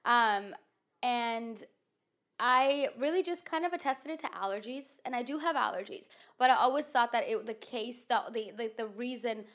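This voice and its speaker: This US podcast host talks casually at a normal pace, her voice a little high, slightly bright, and nasal, as she rambles with plenty of filler words.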